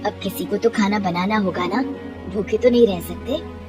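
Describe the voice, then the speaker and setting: A woman voicing a weary older village mother-in-law, speaking low and patient. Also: normal speed, distant mic, dull audio, music in the background, lightly acted.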